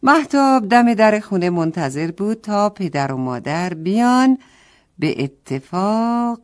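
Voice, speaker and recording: Woman telling a children's story. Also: fairly low pitch. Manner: addresses children directly, warm storytelling.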